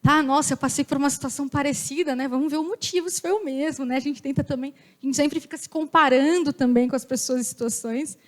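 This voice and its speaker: High-voiced, lively woman giving a talk. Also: fast, hardly any pauses. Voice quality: loud voice. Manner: lively, chatty, acts out little dialogues. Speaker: speaker at a company talk event. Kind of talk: informal conference talk.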